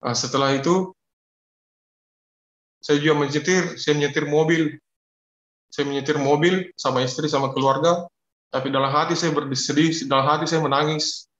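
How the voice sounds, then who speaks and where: Man telling his testimony, earnest and confessing, kinda high voice, echoey dull audio. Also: steady tone, moderate pace, long pauses, fairly bright tone. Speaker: testimony speaker. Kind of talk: personal testimony.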